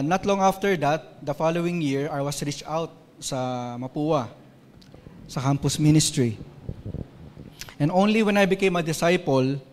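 A Filipino man with a somewhat mellow, high-side voice preaches in a church hall, switching between Tagalog and English. He tells a personal story with earnest, sometimes emotional feeling, and the recording has long hall reverb.

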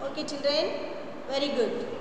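A middle-aged woman teaching young children, drilling phrases deliberately in a repetitive, sing-song classroom manner. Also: high voice, steady tone. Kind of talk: slow classroom phonics lesson with repetition. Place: classroom in front of a chalkboard, indoors. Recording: echoey room, distant mic, faint noise.

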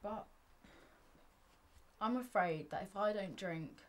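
A young woman playing a timid, ashamed seventeen-year-old girl who speaks quietly and falters. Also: medium pitch, lively intonation, takes it slowly.

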